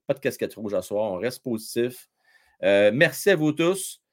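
A man's voice: medium pitch, animated, moderate pace. A man with a Quebec French accent hosting a casual live hockey stream, joking and reading viewers' comments aloud. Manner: chatty, jokey, reads viewer comments aloud, many fillers.

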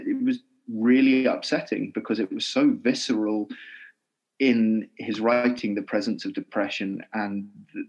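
A male poet in a podcast interview, speaking in a thoughtful, halting way with many restarts and fillers. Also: fairly low pitch, dull audio. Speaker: poet guest.

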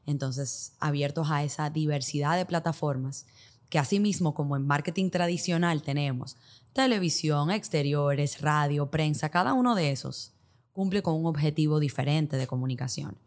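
A low-pitched woman talks at an ordinary pace with a Dominican accent. As an expert on a podcast, she explains concepts through hypothetical examples, her Spanish peppered with English business words.

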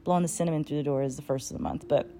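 A woman's voice: low-pitched, steady tone, very fast, dark tone. A woman chatting casually and candidly to her followers in a rambling, slangy way with plenty of swearing. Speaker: solo vlogger and podcaster.

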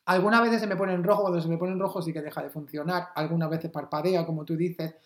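A woman co-hosting a podcast, joking and self-deprecating in an animated, casual chat. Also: lowish voice, quick pace. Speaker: podcast co-host. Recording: roomy echo.

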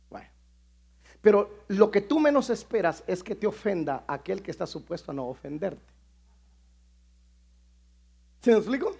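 A man with a strikingly high voice delivers a sermon as pastor. His preaching is emphatic and repetitive, and it swells into shouting at its peaks. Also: vocal fry, breathy edge.

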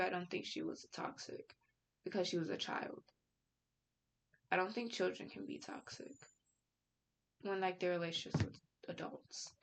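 A young woman giving casual reaction commentary, rambling with many fillers, restarts and slang. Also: mid-range voice. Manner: outspoken, frequent casual slang. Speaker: commentary vlogger.

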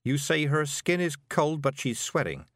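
A man voicing a calm, practical woman healer who speaks in a measured, clinical way. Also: a little high, no room sound, clean studio sound, voice pushed up.

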